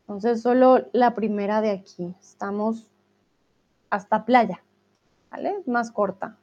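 Woman, slow and patient language teacher on a live stream, higher voice, dull lo-fi audio. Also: steady tone, dark tone. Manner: patient, explains slowly, chats with viewers. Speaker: Spanish teacher. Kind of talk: live-streamed lesson reading chat.

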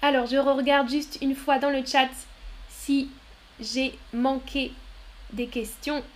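A woman's voice: sits high, fairly even intonation, slow. A woman teaching French on a live stream, patiently explaining grammar with examples and often praising viewers' answers. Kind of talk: live-stream language lesson answering chat.

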